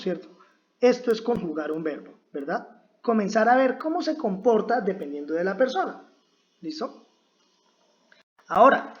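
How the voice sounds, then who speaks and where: A woman's voice: mid-range voice, muffled recording. A woman teaching English grammar, speaking patiently and checking in often with her listeners. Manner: patient, repetitive, asks "¿cierto?" often. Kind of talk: slow, drilled grammar lesson.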